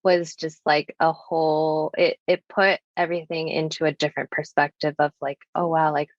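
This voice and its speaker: A young American woman, a native Japanese speaker, talks as a podcast guest in a reflective personal conversation, earnest and thoughtful and full of casual fillers. Her voice is low and flat, at a normal speed, with no room sound. The recording has a dull lo-fi quality.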